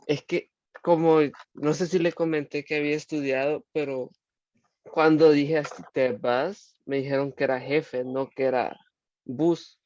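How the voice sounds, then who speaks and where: A Spanish-speaking man, a student, asking his teacher a question in a halting way. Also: on the high side, steady tone, darkish tone, no echo. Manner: hesitant, halting. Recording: dry, lo-fi call audio.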